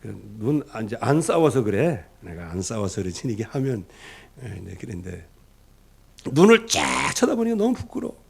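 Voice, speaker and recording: A man preaching a sermon as pastor, telling the story dramatically, acting out the characters he quotes, and dropping from loud emphasis to soft low asides. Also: big pitch swings, normal speed, gravelly, slightly rough.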